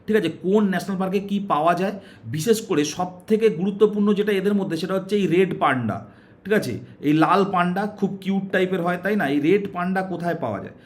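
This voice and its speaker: A man with a West Bengal Bengali accent teaches a classroom-style exam prep lesson in a quick, high voice. He asks questions and answers them himself, keeps saying "okay," and coaxes students along with story tricks that help them remember.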